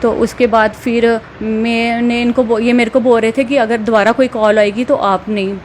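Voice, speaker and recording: A woman's voice: a little high, flat delivery, normal speed, slight background noise. A woman, a parent telling a reporter about a call she got, in a plain conversational way. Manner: plain conversational retelling, quotes dialogue. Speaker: interviewee, parent. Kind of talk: recounting an experience. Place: home, with light background noise.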